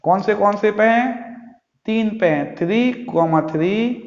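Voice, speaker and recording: High-voiced male chemistry teacher, echoey. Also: slow. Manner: asks the class questions and answers them himself; calls the students children, patient drilling. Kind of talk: classroom lecture. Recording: echoey, dull lo-fi recording.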